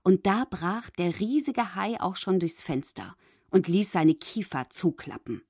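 Expressive woman reading a children's story. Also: on the low side, unhurried, breathy edge, no echo, studio quality. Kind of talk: storybook narration.

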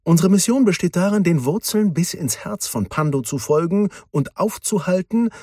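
A man's voice: sits high, lively intonation, moderate pace, darkish tone, no room sound, studio quality, voice pushed up. A man doing Callisto, a commanding woman leader. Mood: urgent. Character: determined woman expedition leader.

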